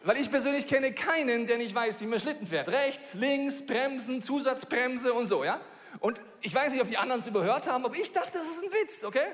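A man from Bavaria preaching, telling a funny personal story in a lively, animated way. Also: very high-pitched, fairly quick. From Bavaria, Germany. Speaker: pastor. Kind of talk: sermon with a storytelling style. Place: church hall. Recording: reverberant church hall.

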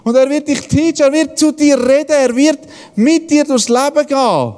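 High-voiced man telling a story. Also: normal speed, a little mellow, long reverb tail. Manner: storytelling, chuckling often, acts out voices. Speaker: pastor. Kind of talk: casual devotional talk.

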